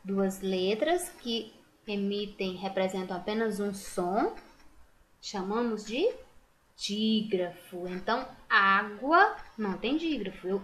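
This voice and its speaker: Slow, patient Brazilian teacher woman. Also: medium pitch. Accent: Brazilian Portuguese. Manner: slow, patient, sounds words out syllable by syllable. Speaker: primary school teacher. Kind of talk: recorded remote class lesson.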